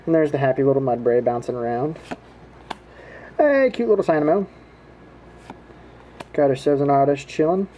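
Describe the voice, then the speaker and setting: Man, mellow tone, casual hands-on commentary, laid-back, folksy, talking to viewers, slight background noise. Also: a little high, animated, moderate pace, long pauses, rough recording. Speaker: host of a trading card pack-opening video. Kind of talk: casual running commentary while opening card packs. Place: indoors at home, hands at a table.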